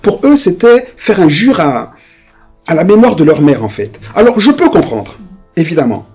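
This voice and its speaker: A man's voice: fairly high pitch, very animated, normal speed, a little mellow, husky, muffled recording, soft background music. A man preaching a conversational sermon as pastor. He hesitates and restarts often and acts out the voices of people in his stories.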